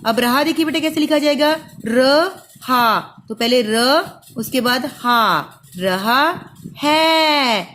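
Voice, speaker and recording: Over a faint hiss, a primary school teacher with a high, bright voice leads young pupils through a lesson, drawing each word out syllable by syllable. She is patient, keeps a moderate pace with few pauses, and repeatedly calls the child "beta."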